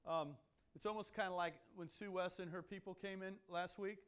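Folksy preacher guy, highish voice, reads bible then jokes around, repeats himself a lot. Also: fairly even intonation, moderate pace, fairly bright tone, clean tone. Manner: folksy, joking asides, repeats words. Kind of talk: sermon with Bible reading.

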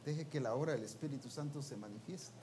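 A man's voice: medium pitch, fast talker, warm tone, a little hiss or hum. A man giving a sermon to a ministers' meeting, colloquial, often asking his listeners questions and ending phrases with "pues" and "¿va?". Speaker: preacher teaching a ministers' meeting. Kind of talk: interactive sermon.

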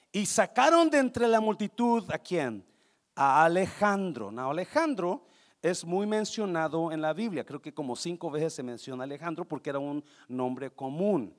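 High-voiced pastor preaching. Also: male voice. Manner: animated preaching, quizzing the congregation; drops English phrases into his Spanish. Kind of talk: sermon.

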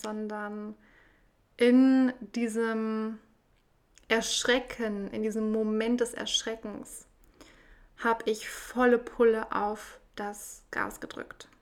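A woman telling a personal story in a reflective, measured way, with frequent pauses. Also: on the high side.

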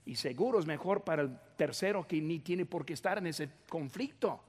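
A man's voice: a little high, lively intonation, moderate pace. A middle-aged man preaching a sermon as pastor, addressing the congregation with rising emphasis. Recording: long hall reverb.

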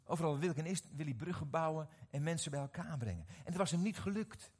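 A middle-aged man preaching a sermon, animated and often questioning his audience, repeating words as he restarts. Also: fairly high pitch, fast, husky. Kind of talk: sermon to a live congregation.

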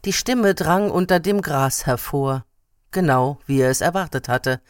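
A reader narrating an excerpt from a novel in a measured way. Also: mid-range voice, clean tone, no room sound, studio quality. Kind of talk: scripted narration.

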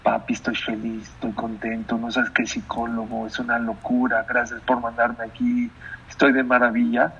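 A homesick young prince pleads through his letters, as a preacher reads them out, voiced lower and softer than the preacher's own talk. The tone is hushed and confiding, with a gravelly edge. The recording sounds dull and lo-fi. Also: moderate pace, a little hiss or hum. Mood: falsely cheerful. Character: young son of a king, homesick, pleading secretly.

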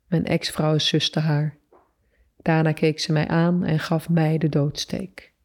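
Brief: female audiobook narrator, dark mellow tone, measured literary reading. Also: deep voice, little pitch movement. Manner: measured, slowing on key phrases.

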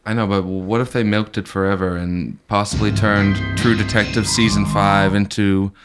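A man in his thirties trades sarcastic jokes in a loose podcast chat. His voice sits on the low side, and faint music plays quietly underneath. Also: level tone. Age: 30s. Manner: joking, sarcastic, quick asides. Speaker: podcast co-host. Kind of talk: casual chat.

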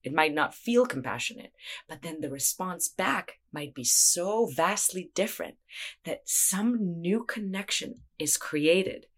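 A woman's voice: fairly low pitch, lively intonation, measured pace. A woman in casual conversation, explaining ideas in a reflective, spiritual way.

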